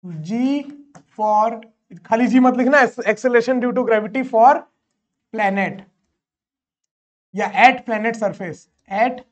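The recording is muffled, and the male teacher's voice is extremely high. Teaching physics in Hindi mixed with English terminology, he keeps answering his own questions and speaks very slowly while dictating notes.

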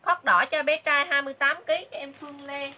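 A woman doing a livestream sales pitch for clothes, chatty and repeating item names and prices again and again. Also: fairly even intonation, a little fast, pushed and bright. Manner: chatty, calls viewers "dear sisters".

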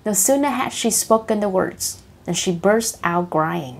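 A woman reads short funny stories aloud for listening practice, with every line given twice, in two languages. Her voice is husky and breathy, and she reads at a very slow, careful pace. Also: mid-range voice, lively intonation. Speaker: audiobook narrator. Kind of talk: slow bilingual story reading.

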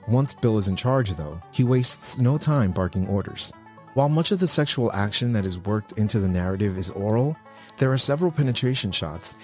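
A man narrating a scripted video essay in a measured, informative way. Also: on the low side, darkish tone. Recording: voice-over with music underneath.

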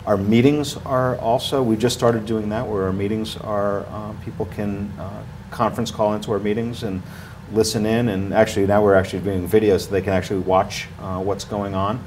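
His pitch is fairly low and his pace moderate, heard through poor audio with a bit of background noise. As a guest in a small TV studio, this ski area marketing director in his forties rambles with frequent fillers and restarts, his volume climbing when he gets animated.

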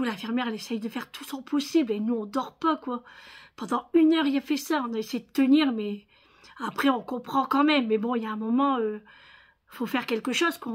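A tired woman chatting casually in her vlog, with a northern French accent and lots of fillers and little tags. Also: fairly high pitch. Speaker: vlogger. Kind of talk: casual chat.

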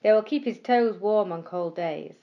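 A woman voicing a kindly, motherly farmer's wife who explains things gently and patiently. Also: medium pitch, moderate pace, highs cut off, natural voice. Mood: gentle.

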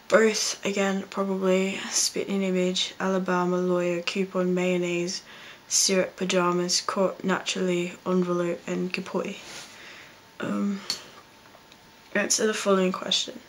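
A young Australian woman speaking casually and offhandedly in a vlog, reading out prompts and answering them in a low-key way. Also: monotone, a little slow, a little hiss or hum, poor audio. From Blue Mountains, New South Wales, Australia. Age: young adult. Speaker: vlogger. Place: small bedroom, indoors.

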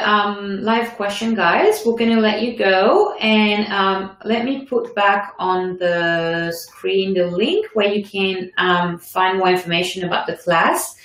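A woman with a French accent, hosting a live online class and chatting warmly with her guest, with lots of fillers. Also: mid-range voice, echoey room, rough recording. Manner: chatty, encouraging, many fillers. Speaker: host. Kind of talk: live webinar chat.

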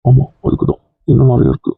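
A man's voice: medium pitch, very animated, quick pace, gravelly, husky, dry recording, narrow, tinny audio. A man playing a husband in a scripted family drama, apologetic and sulky.

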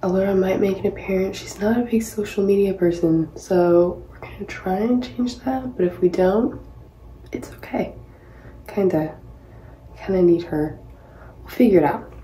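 A woman's voice: medium pitch, normal speed, dark tone, echoey room, slight background noise, rough recording. A woman in her twenties from Hawaii, chatting casually to camera while getting ready in a small bathroom, with rambling, self-mocking asides. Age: 20s. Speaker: professional tennis player vlogging. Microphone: built-in camera mic, laptop or phone close up.

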